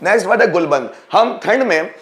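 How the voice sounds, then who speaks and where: A man teaching English vocabulary who explains slowly, repeats each word and asks and answers his own questions. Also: high-pitched, lively intonation, a bit bright, reverberant. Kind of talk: vocabulary lesson.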